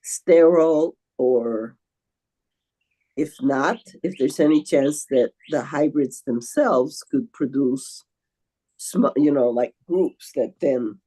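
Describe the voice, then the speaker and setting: An older woman speaks slowly over a video call. Her voice is dark and mellow, and she halts often, restarting her phrases and filling gaps with "um" and "uh". She sounds like an audience member posing a careful question at a seminar. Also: a bass voice, rough recording. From Venezuela. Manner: halting, with many fillers and restarts.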